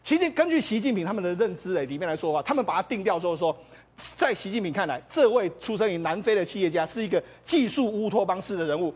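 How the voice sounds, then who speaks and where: A man delivers studio talk-show commentary at a fast clip. His voice sits high and swings widely in pitch. He drives each point home with emphatic interjections. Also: animated, husky. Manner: emphatic, acts out others' words with interjections. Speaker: political commentator.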